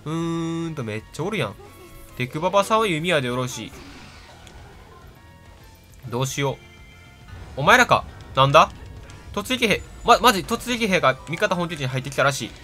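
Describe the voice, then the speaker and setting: A man with a Kansai accent casually commenting on his own gameplay, chatty and self-mocking, with loud reactions to the game. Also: on the high side, lively intonation, normal speed, long pauses. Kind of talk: casual let's-play commentary. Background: game music.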